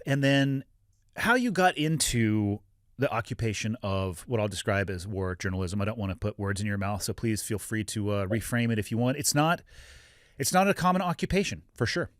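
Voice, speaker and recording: A man hosting a podcast, reading a scripted introduction and then asking interview questions in a measured way. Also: mid-range voice, lively intonation, dry recording, clean studio sound. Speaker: podcast host.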